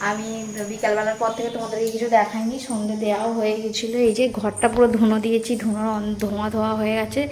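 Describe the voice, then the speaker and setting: A woman talks quickly and chattily to her viewers, walking them through her cooking. Her voice stays fairly flat in pitch, and a clear hiss of noise plus the sizzle and clatter of a home kitchen sits behind her. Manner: chatty, addresses viewers directly, frequent fillers. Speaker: home vlogger. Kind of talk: casual vlog narration while cooking.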